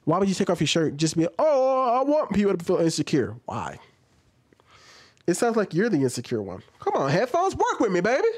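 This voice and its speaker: A man's voice: sits high, huge pitch swings, a little fast, darkish tone, no echo. Blunt casual man, close dry mic. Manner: blunt, conversational, many fillers. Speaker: commentary vlogger. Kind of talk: casual reaction commentary. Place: home room with shelves. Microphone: studio XLR mic on boom, close.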